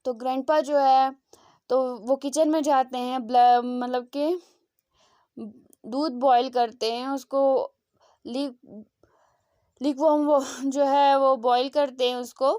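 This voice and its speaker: A woman's voice: high-pitched, fairly even intonation, takes it slowly, pauses often, dark tone, clear, resonant tone, no room sound, clean studio sound. A woman casually retelling a fanfiction story, chatty and full of fillers.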